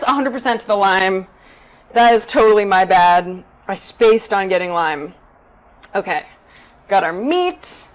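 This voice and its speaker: A young woman chats her way through a live cooking stream in her own home kitchen. Her voice sits a little high, and she talks loudly and eagerly. She speaks straight to the viewers the whole time. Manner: bubbly, chatty, addresses viewers directly; self-described loud talker. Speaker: cooking video host. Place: home kitchen in a Brooklyn apartment. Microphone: 360 camera rig.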